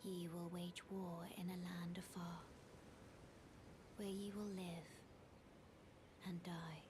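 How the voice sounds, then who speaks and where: A mysterious maiden guide in whispered role-play, her breathy words recited slowly in an old-fashioned, solemn cadence. The voice sits a touch low. A noisy, rumbling hiss runs under the game audio. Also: little pitch movement. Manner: archaic, measured recital.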